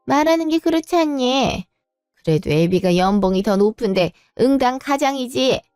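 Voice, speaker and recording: A woman's voice: sits high, animated, moderate pace, darkish tone, smooth, dry recording, studio quality, faint music behind. A woman voicing a reproachful, pushy middle-aged mother-in-law who talks down and scolds in a story reading. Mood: indignant.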